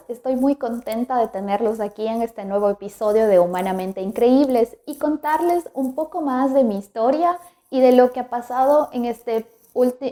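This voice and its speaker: A woman in her twenties from Ecuador, hosting a podcast and telling her own story in a reflective, candid way. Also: a little high. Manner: reflective and candid, warm direct address to listener. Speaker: podcast host. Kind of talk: personal storytelling monologue.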